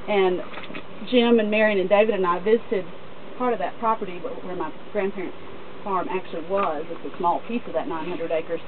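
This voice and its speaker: A middle-aged woman giving an informal graveside eulogy outdoors, telling family stories in an unhurried, halting, reflective way. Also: on the low side, steady tone. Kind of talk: informal eulogy, personal storytelling. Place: outdoors at a cemetery. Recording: thin phone-like sound, loud outdoor ambient noise.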